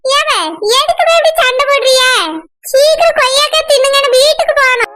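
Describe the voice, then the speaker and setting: A woman's voice: extremely high pitch, steady tone, brisk, heavy background noise. A woman voicing cheeky, scheming village children with a southern Tamil accent and a playful manner. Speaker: cartoon voice artist.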